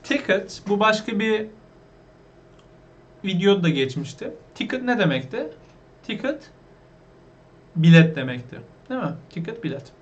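A man with a fairly high voice teaches an online English lesson. He explains slowly and patiently, repeats each word and quizzes his viewers as he goes. The recording sounds dull and lo-fi. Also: big pitch swings.

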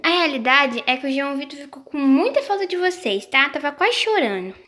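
A high-pitched female voice narrates a casual role-play vlog as a mother. She speaks softly and gently, coaxing the children and chatting with viewers. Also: lively intonation, fairly quick. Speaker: vlogger playing mother.

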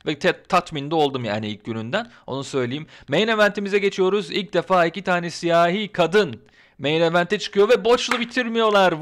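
A man giving his casual opinions in a vlog, talking in an excitable, ranting, colloquial way. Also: high voice. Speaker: wrestling commentary vlogger.

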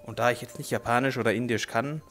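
He speaks quickly in a mid-range, slightly bright voice with fairly even intonation. A German accent and a touch of a cold mark his long, relaxed chatter as he hosts a gaming video, with video game music in the background.

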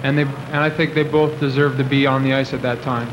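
A man's voice: medium pitch, level tone, a little fast. A young man in his twenties answering questions after a game. He rambles, with many fillers and restarts. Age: 20s. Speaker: athlete at a post-game press conference. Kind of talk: post-game press conference answers. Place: press conference room. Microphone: table microphones at the podium. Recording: noisy old video recording.

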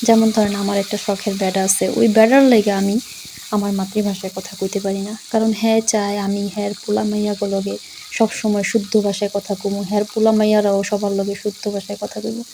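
Chatty woman cooking, mellow voice. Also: medium pitch, level tone, a little fast, a little hiss or hum. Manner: chatty, switching from standard to regional dialect. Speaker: cooking vlogger. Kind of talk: casual chat while cooking.

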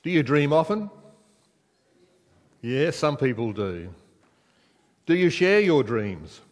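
Older aussie preacher, chatty sermon, asks the room questions, big church reverb. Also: male voice, fairly high pitch, very animated, takes it slowly. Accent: Australian. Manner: conversational, asks questions of the congregation. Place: church sanctuary, indoors.

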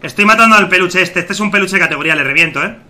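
Guy streaming a shooter w his mates, super bright voice, talks a mile a minute, bit of faint noise. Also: high voice. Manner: rapid, shouty, exclamatory. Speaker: gaming streamer playing with friends. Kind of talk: excited team callouts during online gameplay.

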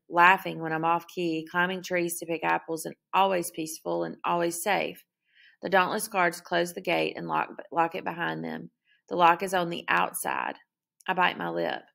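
A woman reading a novel aloud as first-person narrator, in a steady, measured delivery. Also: fairly low pitch, vocal fry. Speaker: audiobook narrator.

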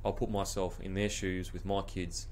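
Chatty Australian host, low voice. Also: male voice, flat delivery, normal speed, a little mellow. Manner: chatty, encouraging, casual slang. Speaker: podcast host. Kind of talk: podcast interview. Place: small studio with logo backdrop. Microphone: studio mic on boom arm.

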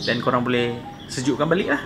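A man's voice: mid-range voice, animated, fast talker, music in the background. A young man with a Malaysian accent giving casual how-to tips as a rabbit farmer, chatting in a covered outdoor shed and slipping English phrases into his talk.

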